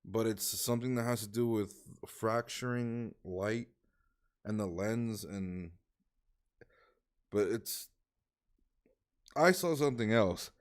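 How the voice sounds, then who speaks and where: A man's voice: on the low side, slow, pauses often. A man streaming and reacting to videos, chatting casually, swearing freely and thinking aloud. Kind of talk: casual live-stream commentary.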